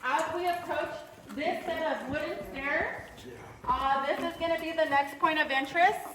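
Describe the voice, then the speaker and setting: Inside a large cave, a woman gives a chatty, casual tour talk at a moderate pace, slipping in safety reminders. Her high-pitched voice carries from a distance, echoing off the walls, with faint noise in the recording.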